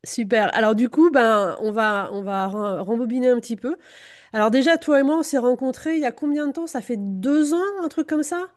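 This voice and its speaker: A woman's voice: fairly high pitch, brisk, darkish tone. A woman hosting a conversational interview podcast as a career coach.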